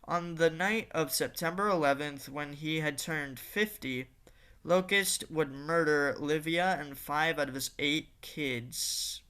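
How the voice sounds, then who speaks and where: A man's voice: a little high, takes it slowly, sharp tone, clean tone. A man narrating a fan-made story in a casual reading style, with occasional fillers and restarts.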